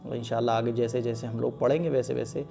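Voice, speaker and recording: A man's voice: mid-range voice, level tone, vocal fry, dark tone, faint music behind. A man teaching the Arabic letters as a Quran lesson, patiently stretching each letter sound and checking in often with his listeners.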